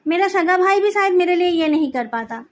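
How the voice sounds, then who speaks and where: A woman's voice: extremely high pitch, lively intonation, brisk, voice pushed up. A woman voicing a defiant young woman who stands up to her parents, in a fan story read aloud.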